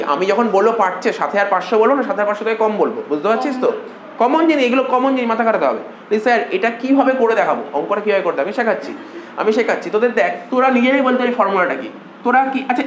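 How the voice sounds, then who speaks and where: ক্লাসে হিসাবশাস্ত্র পড়াচ্ছেন এক পুরুষ শিক্ষক, বারবার একই কথা বলে ছাত্রদের প্রশ্ন করে বোঝান, কথায় বাংলা টান।. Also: male voice, high-pitched, lively intonation, very fast. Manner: coaxing, repetitive, asks students questions. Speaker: accounting tutor. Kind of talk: classroom lecture. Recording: echoey room, faint hum.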